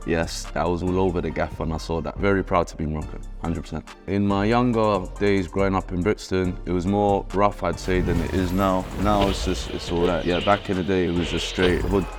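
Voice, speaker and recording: A deep, low-pitched man in his thirties with a South London accent recounts his past in an easygoing, slang-filled way. His tone stays reflective and unhurried. A faint music bed plays underneath. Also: fairly even intonation. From London, England. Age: 30s. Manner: laid-back, slang-heavy, reflective. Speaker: rapper interviewee. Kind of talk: casual interview storytelling.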